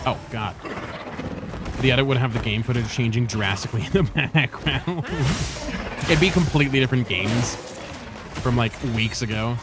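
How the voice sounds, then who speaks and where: A man's voice: medium pitch, normal speed, long pauses, noisy background. A man streaming a game, chatting casually, laughing often and reacting to chat. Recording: game music in the background.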